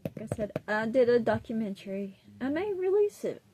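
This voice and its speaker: A woman's voice: fairly high pitch, big pitch swings, moderate pace, background noise. A middle-aged woman with an Appalachian West Virginia accent, chatting casually and bluntly to her viewers in a defiant, sweary way. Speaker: vlogger. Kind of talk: casual, rambling chat to viewers.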